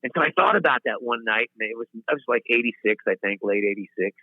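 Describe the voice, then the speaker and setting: Speaking fast and expressively in a mid-range voice, this fifty-something singer-songwriter wanders through long stories as an interview guest, breaking off, starting over and chuckling at himself. The thin, phone-like line sounds very dry, with no echo or room around him.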